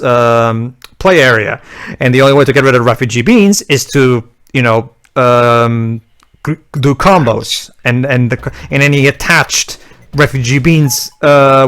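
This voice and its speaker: A man with a mid-pitched voice hosts a casual game commentary. He explains in a halting way, often doubling back on his words. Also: fairly bright tone. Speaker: host of a video game commentary.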